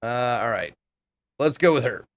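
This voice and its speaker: A man's voice: mid-range voice, expressive, moderate pace, soft background music. A man giving casual, irreverent commentary over a game, swearing freely. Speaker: gaming streamer.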